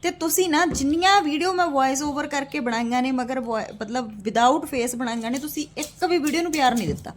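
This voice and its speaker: A woman's voice: sits high, a little fast, few pauses, a little hiss or hum. A woman in her thirties talking straight to camera in a casual roast vlog, scornful and indignant, calling her viewers brothers and sisters. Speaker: vlogger.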